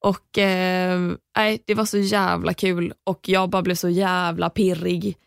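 A young woman hosting a podcast, telling a story in an animated, casual way, swearing freely and acting out what people said. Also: fairly low pitch, creaky, clear, resonant tone, dry recording, clean studio sound. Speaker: podcast host.

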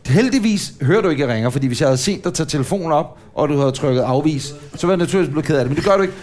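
A man's voice: on the high side, animated, darkish tone. A middle-aged man from Denmark, co-hosting a podcast in casual comic chat, rambling through stories with many restarts. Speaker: podcast co-host.

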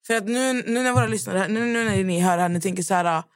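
Recorded dry with clean studio quality, this medium-pitched podcast host has a Swedish accent. She's a lively storyteller, chatting casually and performing other people's quotes.

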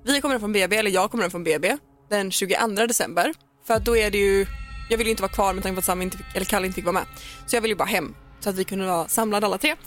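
A young woman co-hosting a podcast, telling a personal story in animated, quick casual chat and acting out what people said. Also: mid-range voice. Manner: animated, fast storytelling with acted-out quotes and laughter. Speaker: podcast co-host.

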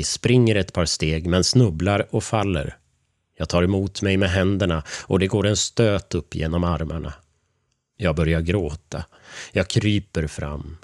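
A man reading a first-person horror story in a hushed, tense, measured way. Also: deep voice, dry recording, studio quality. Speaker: narrator.

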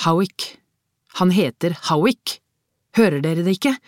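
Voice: mid-range voice, lively intonation, no room sound, voice pushed up, lightly acted. An audiobook reader voicing a thoughtful, eager male detective, recorded on a dry studio mic. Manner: musing, then eager. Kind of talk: audiobook character voice.

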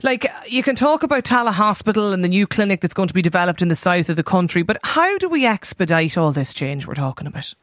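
An Irish woman hosting a live radio interview, putting questions in a halting, interjecting way. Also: lowish voice, big pitch swings, no room sound, studio quality. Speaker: radio host.

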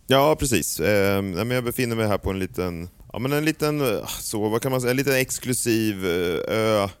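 A man's voice: lowish voice, animated, clear, resonant tone. A man co-hosting a casual podcast with dry, teasing banter. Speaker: podcast co-host.

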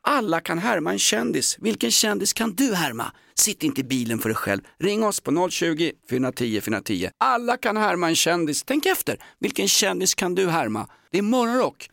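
Gravelly jokey male radio host. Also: high-pitched, big pitch swings, few pauses, fairly bright tone, no echo, clean studio sound. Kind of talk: morning radio banter.

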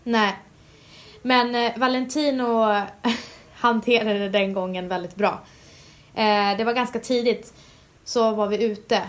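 Woman cohost chatting, tells stories all animated, does everyone's lines. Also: fairly high pitch, pauses often. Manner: animated storytelling, acts out quotes. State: pregnant. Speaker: podcast co-host. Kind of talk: casual chat.

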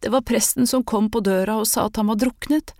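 A woman's voice: on the high side, steady tone, darkish tone, no echo, studio quality, voice pushed up, natural voice. A woman reading a young woman crying over her drowned sweetheart in an audiobook. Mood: grief-stricken. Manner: sobbing, anguished.

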